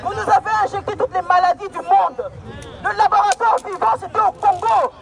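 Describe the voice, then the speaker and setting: Fierce high-voiced woman at a street rally. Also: steady tone, a little fast, rough recording. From France. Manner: fierce, declamatory, repeats phrases for emphasis. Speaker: protest speaker. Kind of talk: impassioned outdoor protest speech. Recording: loud crowd at an outdoor street rally. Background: loud crowd, traffic.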